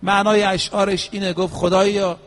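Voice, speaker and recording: A man preaching a sermon, telling stories and chanting Arabic verses slowly. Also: high voice, a little hiss or hum. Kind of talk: religious sermon with storytelling. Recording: long hall reverb.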